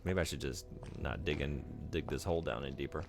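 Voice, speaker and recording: A man's voice: very deep voice, quick pace, over music. A man streaming a video game, chatting casually and joking with his chat. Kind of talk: casual chat while playing.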